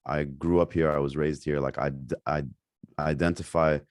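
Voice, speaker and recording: A man's voice: rumbling low, fairly even intonation, normal speed, no room sound, clean studio sound. A young man from Lebanon, a singer guesting on a podcast, chatting casually with many fillers and restarts. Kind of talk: casual interview chat.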